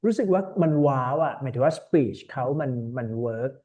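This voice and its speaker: A man's voice: medium pitch, normal speed, husky, lo-fi sound. A man teaching an online speaking class as a tutor, talking casually and mixing English words into his speech. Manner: relaxed, mixes English words into Thai. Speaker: IELTS tutor. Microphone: online call.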